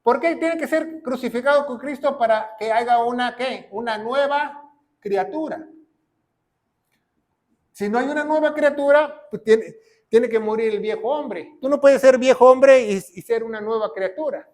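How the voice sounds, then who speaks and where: A male pastor preaching a sermon, mixing loud emphatic declarations with quiet low lines and frequent tag questions. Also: moderate pace.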